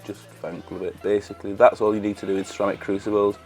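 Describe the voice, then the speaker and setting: A man's voice: on the low side, fast, faint music behind. A man losing his voice, giving casual running commentary over a strategy game he is playing. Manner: relaxed slangy running commentary. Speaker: gaming video creator.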